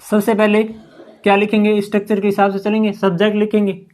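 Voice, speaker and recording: A male teacher walks through an English grammar lesson at an even, patient pace. He keeps quizzing his listeners with rhetorical questions, and his sentences tend to sink lower and quieter at the ends. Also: brisk. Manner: patient, keeps asking the class rhetorical questions and saying "ठीक है". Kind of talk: explanatory classroom lesson.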